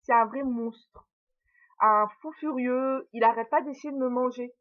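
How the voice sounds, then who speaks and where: A woman's voice: sits high, measured pace. A young woman chatting casually and giggling through a haul video at home, filling her talk with little hesitations and talking to her puppy. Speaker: vlogger. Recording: dull lo-fi sound.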